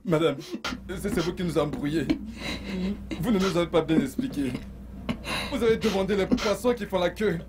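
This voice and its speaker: Un acteur qui double un cuisinier villageois maladroit qui se défend en suppliant. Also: male voice, high-pitched, normal speed, long pauses, background noise, natural voice. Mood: defensive. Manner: pleading, bumbling. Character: clumsy village cook, male servant. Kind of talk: dubbed film acting.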